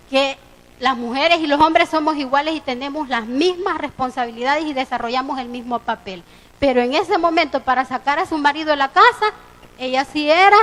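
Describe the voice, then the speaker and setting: Mujer predicadora salvadoreña de voz aguda. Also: female voice, high voice, poor audio. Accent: Salvadoran Spanish. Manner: storytelling, quoting conversations with lively voicing. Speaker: preacher. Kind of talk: sermon with retold dialogue. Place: church.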